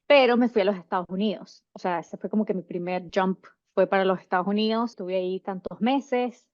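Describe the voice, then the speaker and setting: A woman's voice: medium pitch, darkish tone, no echo, lo-fi sound. A woman in her thirties with a Venezuelan Spanish accent, chatting as an interview guest and rambling with many restarts. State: seven months pregnant. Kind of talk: casual interview.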